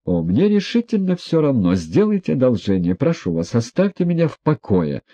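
A man's voice: fairly low pitch, sing-song, normal speed, warm tone, breathy edge, no echo. A man doing a disdainful aristocrat. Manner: squeamish, dismissive. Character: disdainful, worldly aristocrat, mocking. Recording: dull dry audiobook recording.

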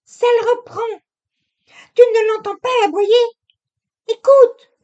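Woman doing a young wife's voice, shrill, shouting, very high, audiobook reading. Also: fairly even intonation, takes it slowly, dull audio. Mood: tense. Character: young wife, sharp-tongued, quick to anger.

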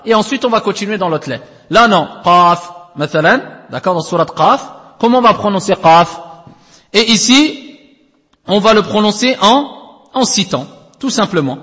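A man's voice: high-pitched, sharp tone. Man, recitation teacher, patient step-by-step explaining, stretched chanted letters, lingering reverb. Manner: explanatory, checks understanding with frequent tag questions, chants letters at length. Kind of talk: classroom lesson on Quranic recitation rules.

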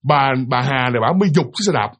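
Lively, fast-talking man. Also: medium pitch. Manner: chatty, with many fillers, addressing the listeners directly. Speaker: storyteller. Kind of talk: casual spoken ghost story.

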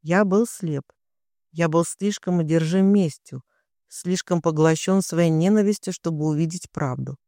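A woman voicing a stern, brooding young husband in an audiobook, speaking in a quiet, hushed way. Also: on the low side, measured pace, dry recording, studio quality. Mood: remorseful.

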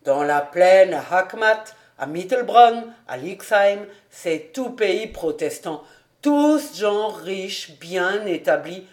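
An amateur audiobook reader voicing a jovial, stout middle-aged male tax collector who exclaims loudly and often. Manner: booming, exuberant, exclaiming. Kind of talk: audiobook character reading.

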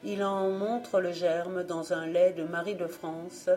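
A woman narrating an audiobook of folk legends in a measured, even reading voice. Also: fairly low pitch, over music. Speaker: audiobook reader.

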